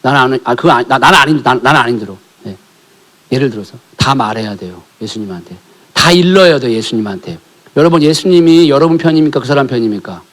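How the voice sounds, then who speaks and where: In a church sanctuary, a male pastor preaches a sermon, recounting a family story and putting questions to the congregation. His mid-range voice is expressive and fast, swelling into emphatic calls and sinking to hushed near-whispers.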